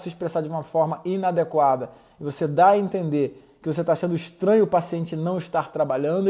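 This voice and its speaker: A man's voice: a little high, darkish tone. A young man hosting a podcast, explaining clinical interview techniques in a casual, rambling way with slangy asides and self-corrections. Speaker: podcast host. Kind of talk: casual educational talk.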